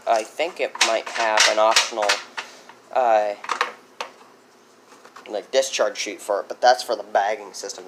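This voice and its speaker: A teenage boy talks through his finds in a casual, rambling way, often stopping to correct himself. His voice is bright and sharp. He records on a handheld phone with faint noise behind him. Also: medium pitch. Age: teens. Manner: rambling, self-correcting, easily excited. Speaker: small engine vlogger. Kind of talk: casual vlog.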